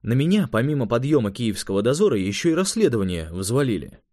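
A man's voice: medium pitch, very animated, fast, mellow, dry recording, studio quality. A man voicing an eager young male mage in an audiobook, talking in a raised, explanatory way.

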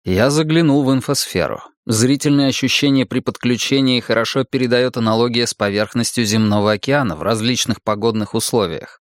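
A man narrating a first-person audiobook in a measured, dramatic reading. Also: medium pitch, dry recording, studio quality.

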